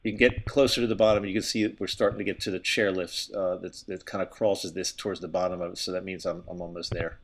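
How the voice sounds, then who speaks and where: A man's voice: low-pitched, flat delivery, fast talker, hardly any pauses. A middle-aged man, out of breath, giving stop-and-start commentary while skiing outdoors, recorded on a helmet camera. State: winded from exertion. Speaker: skier filming with a helmet camera. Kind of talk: casual narration while skiing. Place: outdoors on a steep ski slope. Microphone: helmet-mounted camera.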